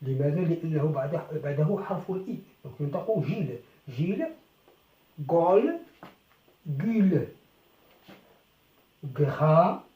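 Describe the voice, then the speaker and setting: A French teacher giving a beginner phonics lesson, stretching out syllables and repeating each word slowly. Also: medium pitch, lively intonation, distant mic, muffled recording. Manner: slow, drawn-out syllables, repeating words. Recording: echoey room, voice from off the mic.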